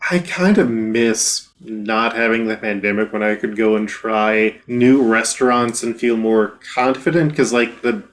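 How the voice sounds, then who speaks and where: A man's voice: on the low side, measured pace, few pauses. A man hosting a tabletop podcast, chatting casually and telling anecdotes with quoted asides. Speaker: game master and host. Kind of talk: casual chat.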